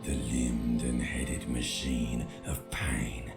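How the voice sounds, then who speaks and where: A man voicing an ancient primal brain in scripted game narration, slow, hushed and coaxing. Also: a bass voice, level tone, creaky, exaggerated voice. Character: ancient primal male brain voice, seductive and bleak. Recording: echoey game audio over music.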